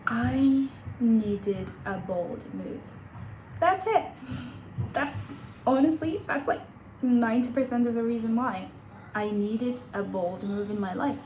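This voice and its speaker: A woman in her twenties chats openly to camera in a casual vlog, laughing at herself as she goes. Her voice bounces around an echoey room. There is clear noise in the background. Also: on the high side, slow, a little mellow. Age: 20s. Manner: chatty and candid, laughing at herself. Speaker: vlogger. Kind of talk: casual talking-head vlog.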